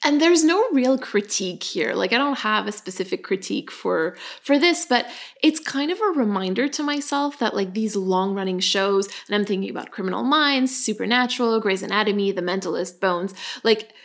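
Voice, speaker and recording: A woman's voice: medium pitch, moderate pace. Chatty woman podcast co-host. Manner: chatty, laughs often, animated when joking. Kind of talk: casual chat.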